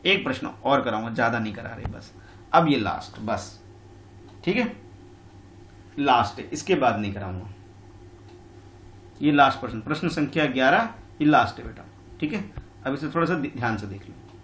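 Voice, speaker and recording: A man's voice: medium pitch, animated, normal speed, pauses often, fairly bright tone, reverberant, slight background noise. A male teacher giving an online school lesson. He explains patiently and repeats himself, calling his pupils "beta". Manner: patient and repetitive, calls pupils बेटा.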